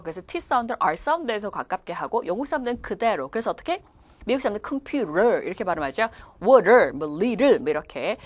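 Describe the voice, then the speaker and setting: Animated woman teaching pronunciation. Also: medium pitch, no room sound. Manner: animated, demonstrates pronunciation playfully. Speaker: English test instructor. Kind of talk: lively classroom lecture.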